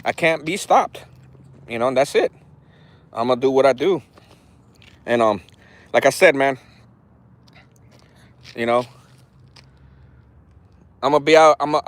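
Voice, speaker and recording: A high-leaning male voice at a moderate pace, broken by long pauses and free of echo. The speaker, a forties-aged RC hobby vlogger, chats casually on a phone livestream outdoors by an orchard, rambling and frank with free swearing and tough talk.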